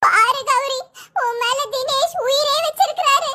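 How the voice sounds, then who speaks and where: A shrill, coaxing young peacemaker. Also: unhurried, bright, forceful tone, heavily acted. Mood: pleading. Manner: coaxing and persuasive. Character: caring young woman, a gentle family peacemaker.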